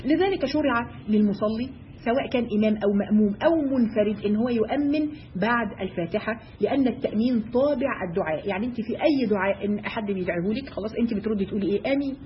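A woman with an Egyptian accent teaches a religious lesson to a group of women. She talks at a rapid clip and keeps asking rhetorical questions. The recording is dull and lo-fi, with faint noise behind her. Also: mid-range voice. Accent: Egyptian Arabic. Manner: brisk, asks her listeners rhetorical questions.

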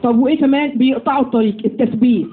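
Quick, high-voiced Egyptian woman teaching religion. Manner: lively, asks the audience questions. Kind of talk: religious lesson to women. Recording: tinny phone-like audio with faint noise.

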